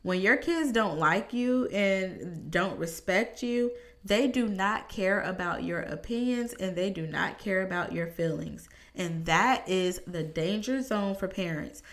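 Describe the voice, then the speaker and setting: A woman giving an earnest, measured talk on parenting, speaking with emphasis and deliberate pauses. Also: mid-range voice.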